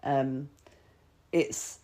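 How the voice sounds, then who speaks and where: Speaking extremely slowly with a warm tone, this female podcast host opens up about personal experiences. Her talk is loose, sweary, and confessional, peppered with "like" and moments where she quotes herself.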